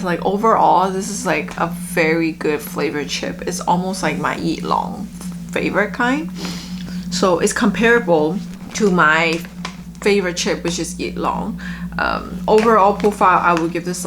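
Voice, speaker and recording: A woman giving a casual, halting taste-test review, with lots of filler words like "like". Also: medium pitch, noisy background. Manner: halting, filler-heavy, frequent "like". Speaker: food review vlogger.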